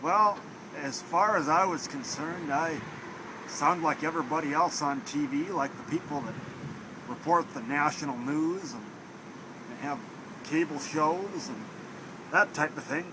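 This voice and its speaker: A young man from Minnesota, USA, with a Minnesotan accent chats in a casual interview as a trainee at a blindness training center, rambling and friendly with lots of fillers. His voice is on the high side, his pace measured, and there is background noise.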